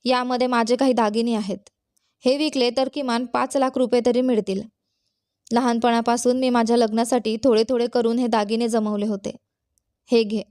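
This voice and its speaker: A woman's voice: a little high, steady tone, normal speed, darkish tone, close to an everyday voice. A woman voicing a loyal, caring young woman friend, speaking earnestly in a storybook reading. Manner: earnest, heartfelt.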